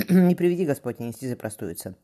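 A loving, devout stepfather, voiced by a man narrating a storybook who speaks softly and kindly. The tone is dark and mellow, the pace quick. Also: mid-range voice, expressive, natural voice. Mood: gentle.

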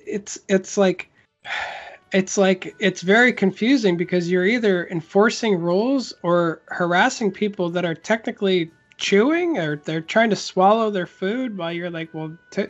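A man with a notably high voice chats on a podcast, rambling through a story and restarting his sentences as he goes. The audio is slightly muffled, with faint music underneath. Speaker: podcast co-host. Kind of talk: casual chat.

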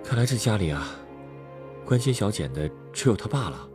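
Male co-host with a low, lively voice, prompting a storyteller with curious questions over faint music. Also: moderate pace. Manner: curious, reacting with short questions. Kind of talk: conversational prompting.

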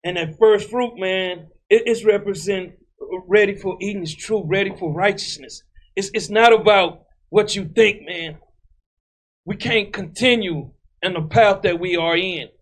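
A man's voice: sits high, unhurried. A man preaching a loose, emphatic sermon, often repeating words and adding "man". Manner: repeats words while building a point. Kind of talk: street-style sermon.

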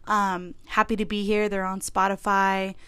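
A woman's voice: mid-range voice, flat delivery, moderate pace, a bit bright, smooth, no room sound. A young woman with a nasal voice, congested and sniffly from a cold, hosting a casual, candid, rambling solo podcast. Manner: candid, rambling, informal with swearing. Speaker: podcast host.

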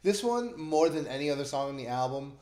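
A man's voice: on the high side, lively intonation, fairly quick, darkish tone, roomy sound. A man hosting a casual music podcast, talking enthusiastically with lots of fillers. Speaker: podcast host. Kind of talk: casual chat.

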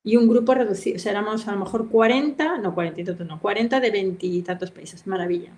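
A middle-aged woman, a guest in a casual interview, telling stories in a lively way and laughing often. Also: medium pitch, quick pace. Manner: lively storyteller who acts out other people's voices and laughs often. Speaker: interview guest, kendo practitioner. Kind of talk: casual anecdotal chat.

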